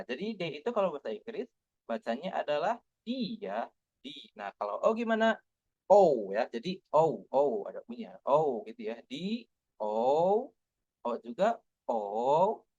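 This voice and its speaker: A young man tutoring young children through test answers, patient and coaxing, slowly spelling out letters. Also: on the high side, big pitch swings, a little mellow, no echo. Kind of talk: online lesson reviewing test answers for young kids. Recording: dull, dry lo-fi sound.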